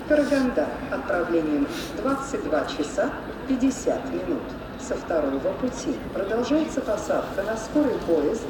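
A woman's voice: medium pitch, recorded from a distance. Woman announcer over a station PA. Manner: measured, rising on the opening call. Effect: over a station PA loudspeaker. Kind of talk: formal public announcement. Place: large train station hall. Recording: echoey loudspeaker heard from afar, loud noise. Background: loud station noise.

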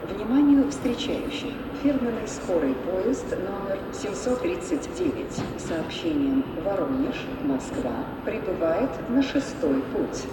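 A woman making formal railway station announcements over a PA loudspeaker in a measured way, rising on each opening call. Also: mid-range voice, recorded from a distance. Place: large train station hall. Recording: echoey loudspeaker heard from afar, loud noise. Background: loud station noise.

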